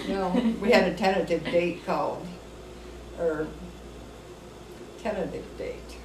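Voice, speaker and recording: An elderly woman with a lowish voice tells stories the way a grandmother does, casually and with wandering anecdotes. She often quotes old conversations as she goes. The recording is roomy, with clear background noise. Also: slow pace, pauses often. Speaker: grandmother recalling family memories.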